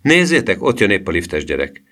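A man voicing a bossy, quick-tempered boy who leads a gang of children, reading him as a commanding figure in an audiobook. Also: sits low, very animated, fairly bright tone, exaggerated voice. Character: bossy excitable boy leader, the professor.

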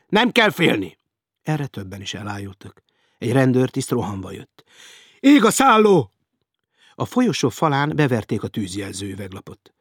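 A male narrator reads a crime story aloud with a husky, slightly breathy voice. His delivery is dramatic and vivid, and the recording is close and dry. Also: lowish voice, a little mellow, no room sound. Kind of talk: audiobook reading.

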